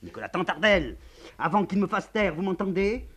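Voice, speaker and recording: A man's voice: high-pitched, lively intonation, normal speed, fairly bright tone, slight background noise, voice pushed up. A man voicing a weary aristocratic count with dry, mocking irony, reading a stage play. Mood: impassioned.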